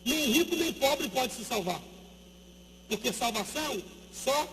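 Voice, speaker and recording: A male pastor with a Brazilian Portuguese accent, preaching emphatically into a handheld microphone at a youth event. He repeats numbers and questions and urges the listeners to shout back. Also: extremely high pitch, animated, unhurried, vocal fry, a little hiss or hum. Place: large gymnasium. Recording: long gymnasium reverb.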